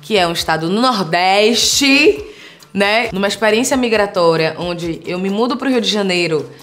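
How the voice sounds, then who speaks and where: A woman in her thirties from Salvador, Bahia, Brazil, speaks with a Bahian Portuguese accent in a personal vlog, soft music playing behind her. Her mid-range voice is expressive and moderately paced, and she comes across as warm and earnest, often checking in with viewers through tag questions.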